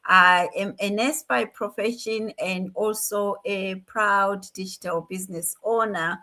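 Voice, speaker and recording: A woman, a Ndebele speaker, introducing herself in a courteous, measured way. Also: medium pitch, steady tone, pushed and bright. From Zimbabwe. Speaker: nurse and online business owner. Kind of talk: live stream introduction.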